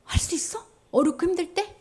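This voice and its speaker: A woman giving a children's sermon, telling stories in an animated way and acting out the voices of the people in them. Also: very high-pitched, brisk. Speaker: children's pastor.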